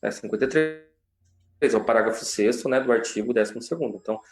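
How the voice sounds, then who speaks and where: Man, lawyer, mid pitch, explaining with many fillers and tag questions, echoey room. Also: fairly quick, over music. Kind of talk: answering questions on a live stream. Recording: roomy echo.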